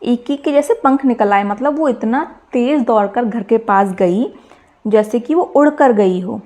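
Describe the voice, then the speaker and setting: A woman's voice: a little high, a little slow, a little mellow. Woman teacher retelling a story to children. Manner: retells each line in simpler words, asks listeners questions. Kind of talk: reading and explaining a story to young children.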